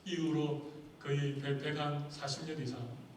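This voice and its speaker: A male pastor preaches to his congregation with a fairly high voice, often stopping to put rhetorical questions to them. He is recorded from some distance in a very echoey church hall, with a faint hiss of room noise behind him. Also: steady tone, unhurried. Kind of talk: sermon. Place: church sanctuary. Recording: echoey hall, far from the mic.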